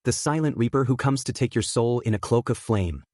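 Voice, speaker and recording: A man's voice: mid-range voice, expressive, fairly quick, a little mellow, dry recording, studio quality, lightly acted. A man voicing a caring, teasing, mock-dramatic rich teenage boy in a story's text-message dialogue.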